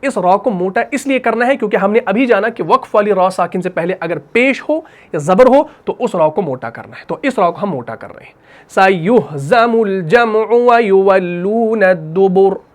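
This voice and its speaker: A man with a fairly high voice and an Urdu accent teaches a tajweed lesson. He walks through each rule step by step, poses questions and answers them himself. For each example verse he slows into a long, drawn-out melodic recitation. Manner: explains step by step, asks and answers his own questions.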